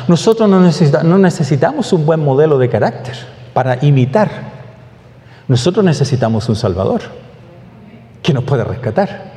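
A male pastor delivers a sermon in a fairly high, emphatic voice, pressing his points with rhetorical questions and occasional raised bursts. The sound carries a long, roomy reverb, as if recorded in a large church hall. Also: warm tone.

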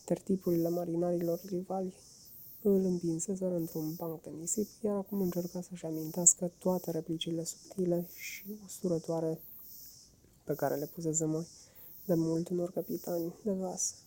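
A woman narrating a children's classic in an expressive storytelling manner. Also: lowish voice. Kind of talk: audiobook narration.

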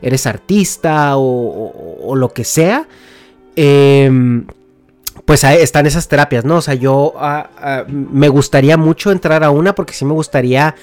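A man's voice: mid-range voice, a little slow, darkish tone, soft background music. A man with a Mexican Spanish accent, hosting a podcast and explaining things casually with slang, fillers and restarts. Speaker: podcast host.

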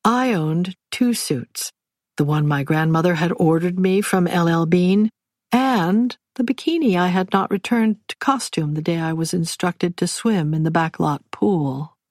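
A woman giving measured, wry first-person audiobook narration. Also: on the low side, darkish tone, dry recording, studio quality.

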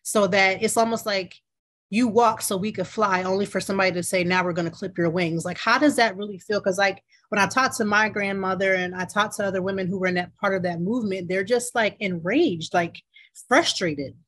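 American female host, mid-pitched voice. Conversational, earnest, leans on repeated phrases for emphasis. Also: fairly even intonation, brisk, fairly bright tone. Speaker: interview host. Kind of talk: casual conversational interview.

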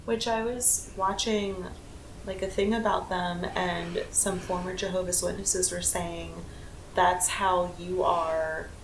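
A woman co-hosting a podcast, a teacher chatting in a relaxed way and reacting with laughs and gasps. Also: fairly low pitch, takes it slowly, slight background noise, low-quality recording. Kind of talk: casual chat.

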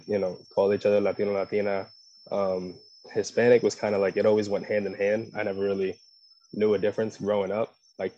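A man's voice: lowish voice, warm tone, dry recording. A young man from New York, a student athlete, talking in an easygoing way with fillers. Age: young adult. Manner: easygoing, "you know" fillers. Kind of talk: casual discussion. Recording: muffled dry lo-fi sound.

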